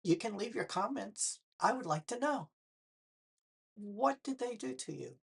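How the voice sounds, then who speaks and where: An older woman with a husky, slightly breathy voice talks to camera in an unhurried way. She keeps throwing pointed questions at her audience, with a dry sarcastic bite. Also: medium pitch, very animated. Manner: pointed rhetorical questions addressed to the viewer. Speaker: political vlogger. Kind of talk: direct-to-camera commentary.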